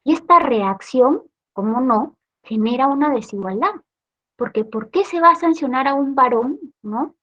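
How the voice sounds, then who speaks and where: A woman's voice: high-pitched, animated, normal speed, pushed and bright, dull audio. A woman with a Peruvian accent teaching a training session for police, explaining step by step and often checking in with her listeners. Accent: Peruvian Spanish. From Peru. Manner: tag questions, explanatory. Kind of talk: training lecture.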